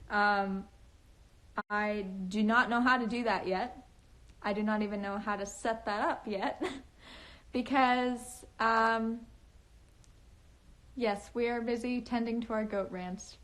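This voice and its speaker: A young woman with a mid-range, fairly bright voice talks to fans on a phone-recorded livestream from her home. She's an author reading comments, and her nervous valley-girl chatter keeps stumbling into fillers and fresh starts.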